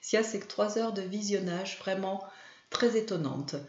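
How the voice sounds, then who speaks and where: A woman hosting a casual video about films, talking hesitantly with frequent fillers and pauses. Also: mid-range voice, a little mellow. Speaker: video host and trainer. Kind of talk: casual film commentary to camera. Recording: echoey room, slightly dull sound.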